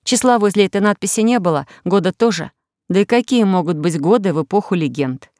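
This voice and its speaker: A reader narrating a children's storybook with even, expressive reading. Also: medium pitch, fairly quick, dry recording, studio quality. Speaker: audiobook reader.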